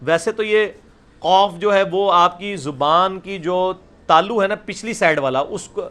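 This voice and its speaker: A man's voice: high-pitched, smooth. A man teaching Quranic pronunciation, drilling letters aloud in a live class. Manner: drills letters by repeating them loudly, mixing Punjabi into Urdu. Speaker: religious teacher.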